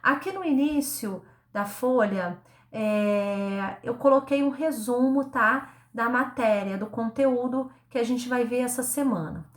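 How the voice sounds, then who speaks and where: A woman teacher giving a recorded lesson to young children, speaking slowly and patiently, sounding words out syllable by syllable and checking in with a frequent "tá?". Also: a little high, roomy sound. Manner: ends phrases with a checking "tá?". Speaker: primary school teacher.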